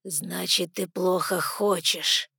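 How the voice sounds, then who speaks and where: A woman voicing a father who coaxes gently and then turns cold. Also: on the low side, steady tone, vocal fry, slightly rough, dry recording, studio quality, heavily acted. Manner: slow, soft, coaxing.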